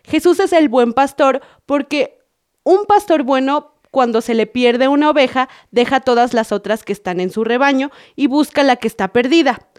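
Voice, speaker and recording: A woman's voice: high voice, animated, normal speed, smooth. A woman as a stern, patient Mexican mom. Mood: explaining. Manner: scolding, then gently explaining. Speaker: mother explaining a parable.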